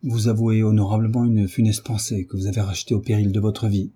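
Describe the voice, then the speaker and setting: A man reading a novel aloud and voicing a kindly mentor, gently reproachful, in a husky dark voice. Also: on the low side, little pitch movement, quick pace. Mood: approving.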